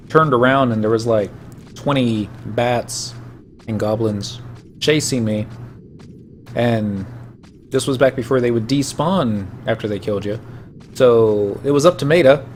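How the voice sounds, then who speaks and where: A man chatting loosely while he plays, drifting from one old game story to the next. His voice sits at an ordinary middle pitch, and a faint hiss runs under it. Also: a little mellow. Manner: rambling, anecdotal storytelling. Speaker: gameplay streamer. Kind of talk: casual gameplay commentary.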